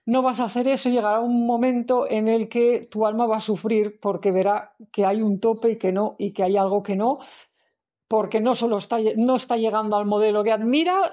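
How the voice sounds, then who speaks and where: A woman's voice: mid-range voice, fairly even intonation, moderate pace, dark tone. A woman, giving a spiritual lesson in a reflective way and thinking aloud with fillers and restarts. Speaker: spiritual teacher. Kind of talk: recorded lecture on the soul.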